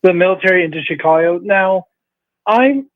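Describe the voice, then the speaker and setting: Earnest male caller from abroad, hesitant, high voice over a dull phone line. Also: lively intonation, normal speed. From outside the US. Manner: earnest, hesitant with many fillers.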